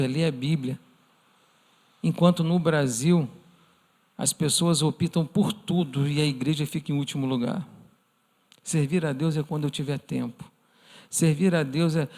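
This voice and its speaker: Brazilian male preacher, high voice, earnest, church hall reverb. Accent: Brazilian Portuguese. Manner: earnest, addresses listeners as brothers; acts out imagined prayers in a softened voice. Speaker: church teacher. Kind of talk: church lesson sermon.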